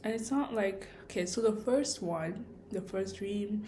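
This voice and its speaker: Woman chatting casually n thinking out loud, lispy from wearing a retainer, soft warm tone, bit of noise behind. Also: mid-range voice, a little slow. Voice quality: lisp from wearing clear retainer-like aligners. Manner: rambling, reflective, self-questioning. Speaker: vlogger. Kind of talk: casual personal storytelling.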